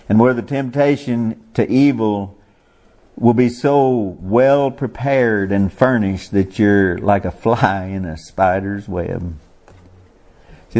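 Folksy preaching man with a mellow voice. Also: lowish voice. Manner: folksy, preaching with rhetorical questions and chuckles. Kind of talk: sermon.

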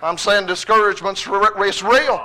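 A man's voice: high voice, normal speed, a crowd in the background, poor audio. A man preaching an impassioned revival sermon in a folksy Southern US drawl, exhorting his listeners with repeated phrases.

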